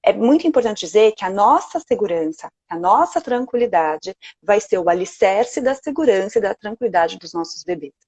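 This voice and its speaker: A woman with a Brazilian Portuguese accent, a sleep consultant speaking gently and reassuringly on a live video call. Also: mid-range voice, lively intonation, moderate pace, hardly any pauses, breathy edge, no echo.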